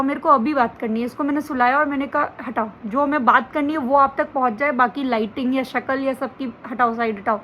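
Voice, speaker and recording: A woman's voice: sits high, a bit bright, a little hiss or hum, low-quality recording. A young woman vlogging at home, venting frankly and rambling about motherhood in casual confessional chat, often keeping her voice down beside a sleeping child. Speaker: mom vlogger.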